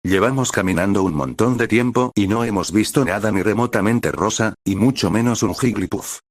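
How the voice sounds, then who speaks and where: Deep-voiced man playing a rude young trainer girl, snappish, sarcastic, storybook reading, dry close sound. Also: moderate pace, dry recording, close to an everyday voice. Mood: irritated.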